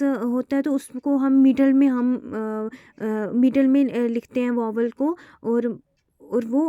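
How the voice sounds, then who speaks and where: A woman with a high, mellow voice teaches shorthand, pausing often and repeating herself as she explains. The sound is close and dry, with no room around it. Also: no room sound, muffled recording. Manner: halting, many fillers, repeats itself. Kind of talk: online lesson explaining to viewers.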